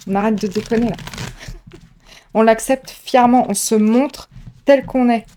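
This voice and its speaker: A woman tarot reader speaking directly to her viewers in a relaxed, chatty way, full of fillers and self-mocking asides. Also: a little high, unhurried, a little hiss or hum. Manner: chatty, laughs at herself, many fillers. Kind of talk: casual tarot reading to camera.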